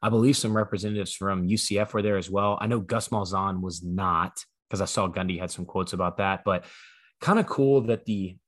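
A young American man chats casually as co-host of a sports podcast. His voice sits low, and the recording is dry and close. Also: a little fast, dry recording.

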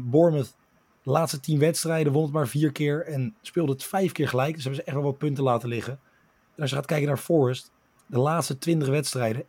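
A man hosting a casual football podcast with a hoarse voice, talking at length with fillers and restarts. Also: mid-range voice, darkish tone. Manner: talkative, many fillers and restarts while explaining. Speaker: podcast host.

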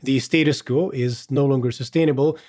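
A man's voice: medium pitch, a little fast. Chatty Hungarian-raised man in casual talk. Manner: animated, chatty, many fillers and restarts. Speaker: guest. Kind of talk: casual conversation.

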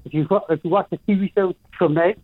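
A man's voice: high-pitched, steady tone, fairly quick, husky, no echo. A man calling into a radio show over the phone, chatty and rambling, his voice muffled by the line. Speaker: radio call-in caller. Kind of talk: casual chat.

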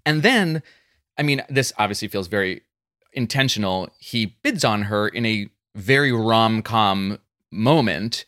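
A middle-aged man co-hosting a podcast, talking in an animated, chatty way with lots of fillers. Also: lowish voice, measured pace, no echo, clean studio sound. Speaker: podcast co-host. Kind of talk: casual chat.

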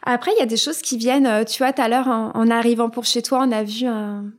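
Woman guest, kinda high voice, rambly, lots of fillers and restarts. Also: fairly even intonation, quick pace. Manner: hesitant, many fillers and restarts. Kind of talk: casual interview chat.

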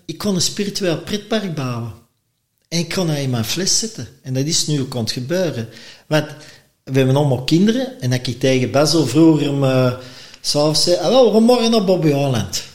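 A man from Antwerp with a Flemish accent, a podcast guest telling personal stories in lively conversation and acting out the voices he quotes. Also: medium pitch. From Antwerp, Belgium.

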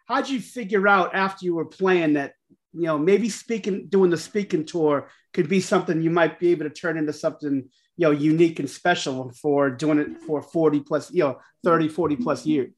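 A man with a somewhat high voice co-hosts a casual podcast. He is effusive and loose in his phrasing, often restarting and repeating a thought. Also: fairly even intonation, normal speed. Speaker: podcast co-host and basketball coach. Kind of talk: casual chat.

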